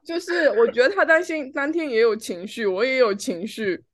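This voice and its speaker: A woman with a high-sitting voice and moderate pace chats casually at home as a podcast co-host. She tells a personal story and acts out the lines of an argument.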